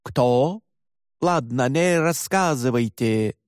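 A man doing a stubborn Finnish man, slow and careful. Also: mid-range voice, lively intonation, clean tone, dry recording, studio quality. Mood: insistent.

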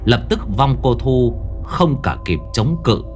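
A man's voice: medium pitch, takes it slowly, soft background music. A man narrating a ghost story in a dramatic storytelling manner. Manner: dramatic, animated.

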